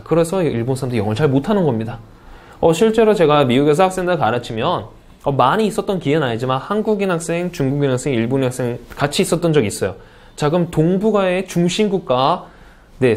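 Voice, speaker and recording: A man's voice: on the high side, expressive, quick pace, a little mellow. A man from South Korea teaching an English speaking test course in an online lecture, often putting questions to his students and answering them himself.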